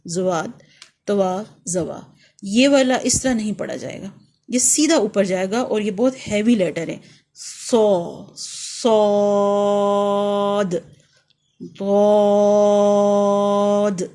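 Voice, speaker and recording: A woman's voice: mid-range voice, a little mellow. Woman teacher drawing out letters. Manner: slow drawn-out letter recitation between explanations. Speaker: Quran reading teacher. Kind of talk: online recitation lesson.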